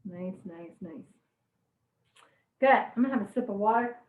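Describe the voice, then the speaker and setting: A woman's voice: mid-range voice, normal speed, roomy sound, phone-quality sound. A woman teaching a live online cooking class, chatty and bubbly, teary-eyed from chopping onions. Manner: bubbly, chatty, laughs at her own jokes.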